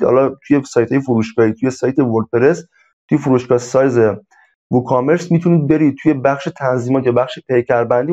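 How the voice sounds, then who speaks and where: A man teaching in a relaxed, casual way, circling back over his examples and filling pauses with "uh". His voice is warm and mellow. The audio is a little dull, like a modest home recording. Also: mid-range voice. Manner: conversational, repeats examples, many fillers. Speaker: online sales instructor. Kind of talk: casual spoken lesson.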